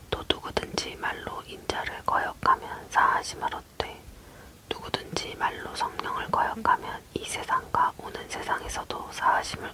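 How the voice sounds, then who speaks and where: A person leaning in to whisper a Bible reading in a breathy, unvoiced ASMR voice, close to the microphone. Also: extremely high pitch. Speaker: Bible reader.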